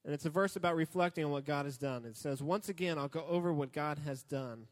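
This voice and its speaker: Joking young youth pastor, higher voice. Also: male voice, quick pace, in a large hall. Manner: relaxed, joking asides. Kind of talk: casual youth sermon. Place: church hall.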